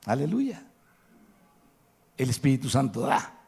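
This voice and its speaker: A man's voice: mid-range voice, very animated, unhurried, vocal fry, darkish tone, husky. A man with a Mexican Spanish accent preaching a sermon to his congregation, emphatic and asking rhetorical questions. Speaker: pastor. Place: church hall.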